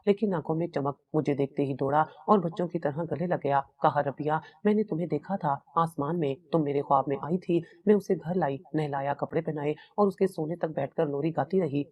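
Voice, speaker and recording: A woman tells a first-person story in a calm, measured and solemn way. Her voice is low and mellow, with no brightness. The delivery is steady storybook narration.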